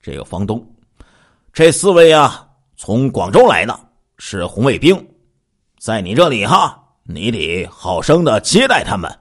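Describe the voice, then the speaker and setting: A man voicing a middle-aged male village militia captain who speaks slowly and emphatically in an officious way. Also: on the low side, very animated, breathy edge, heavily acted. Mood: earnest, officious.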